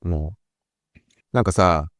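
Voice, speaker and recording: A man's voice: sits low, slow, dry recording, studio quality. A man hosting a casual chat, telling rambling stories with restarts and laughter into a VR headset mic. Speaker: host.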